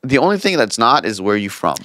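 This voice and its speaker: A young man, co-hosting a casual podcast chat, animated and repeating words as he talks. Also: mid-range voice, fast talker, no room sound, clean studio sound. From Israel. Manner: animated, does playful voices, stumbles and repeats words. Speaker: podcast co-host.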